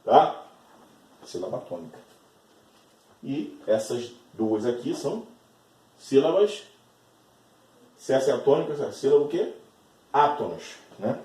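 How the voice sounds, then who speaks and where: A man's voice: mid-range voice, expressive, normal speed, long pauses, mellow, distant mic, slight background noise. Man teaching grammar in an echoey room. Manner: patient, checks in often with tag questions. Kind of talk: recorded online grammar lesson.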